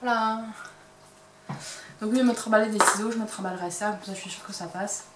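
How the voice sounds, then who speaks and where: A woman's voice: medium pitch, steady tone, a little fast, very noisy. A woman hosting a crochet and knitting podcast, chatting casually and hesitantly with many fillers as she shows her purchases from her home workshop. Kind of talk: casual chat showing items to camera. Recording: roomy, distant mic, faint ambience.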